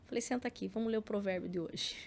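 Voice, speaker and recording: Speaking fast with vocal fry and a darkish tone at medium pitch, a middle-aged Brazilian woman with a Brazilian Portuguese accent shares a personal story on a podcast. The interview chat is casual, she acts out the lines she quotes, filler words come often, and there's slight background noise.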